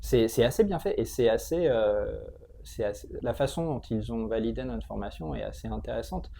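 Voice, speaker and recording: A man's voice: medium pitch, animated, normal speed, creaky, background noise. A man answering interview questions in a conversational, explanatory way, hesitating and repeating words as he searches for the next one. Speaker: interview guest, tech training school entrepreneur.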